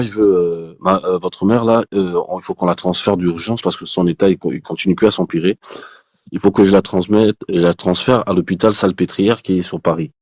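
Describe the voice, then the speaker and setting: A man telling a personal testimony as a guest, in casual spoken storytelling, animated, with many restarts, acting out the dialogue he quotes. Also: deep voice, dry recording, highs cut off.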